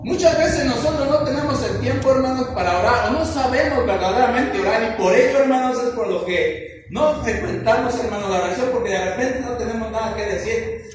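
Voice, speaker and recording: A man's voice: extremely high pitch, brisk, far from the mic, slight background noise. A man with a Mexican Spanish accent, a pastor preaching a sermon to his congregation, often addressing them as brothers. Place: church hall. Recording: echoey church, recorded from afar.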